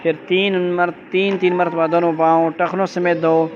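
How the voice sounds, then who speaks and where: A man's voice: sits high, flat delivery. A man teaching a religious class step by step, giving firm instructions and often asking the students whether they understood. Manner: keeps checking understanding with quick questions. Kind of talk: classroom lesson explaining ritual steps. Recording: dull lo-fi classroom recording with faint background hum.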